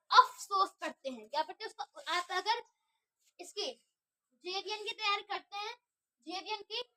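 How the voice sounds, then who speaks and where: Woman teacher, very high voice, online grammar lesson, repeats herself, keeps checking understanding. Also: pushed and bright. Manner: asks questions and answers them herself, with frequent checks for understanding; repetitive, restarts words while explaining.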